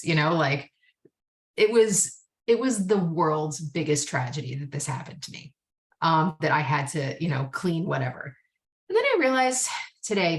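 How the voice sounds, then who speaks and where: Woman, low voice, candid recovery share, animated storytelling, quick asides. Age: adult, married with kids. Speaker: meeting speaker.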